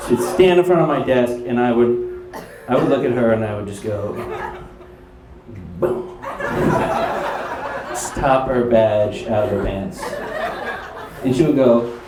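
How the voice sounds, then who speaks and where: A young man doing stand-up storytelling on stage, animated and acting out other people's lines. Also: mid-range voice, unhurried, pauses often, heavy background noise. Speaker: stand-up comedian. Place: comedy stage before a laughing audience. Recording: roomy live club with crowd laughter.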